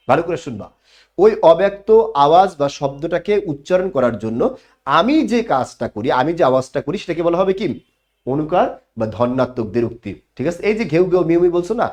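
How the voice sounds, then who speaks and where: A man's voice: high-pitched, darkish tone. Man teaching a class. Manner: explanatory, asks questions and answers them himself. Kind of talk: online class lecture.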